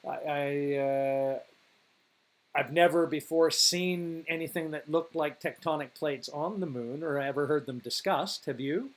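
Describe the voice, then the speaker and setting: A man's voice: on the high side, unhurried. A man co-hosting a casual podcast, rambling through stories, swearing and laughing often. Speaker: podcast co-host.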